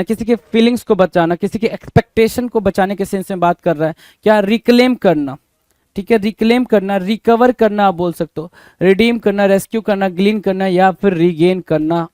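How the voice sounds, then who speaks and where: A man teaches English synonyms and antonyms in an exam-prep lesson, quizzing listeners over and over. His voice sits high and light. The sound is close and dry, with no room around it. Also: darkish tone, no echo. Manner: quizzing, keeps asking "bhai?" then answering.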